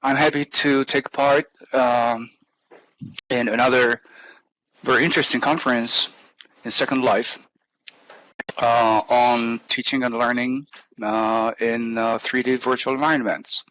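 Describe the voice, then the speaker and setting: A man with a Polish accent giving an academic conference presentation, haltingly, with frequent throat-clearing and grunting noises. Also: mid-range voice, little pitch movement, pushed and bright, no room sound, poor audio. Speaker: university lecturer, conference speaker. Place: online talk given inside a virtual world.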